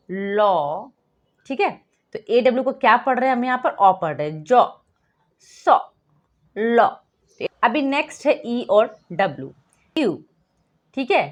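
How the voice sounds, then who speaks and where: A woman teaching a phonics lesson for parents, patiently asking and answering her own questions and sounding out words slowly. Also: fairly high pitch.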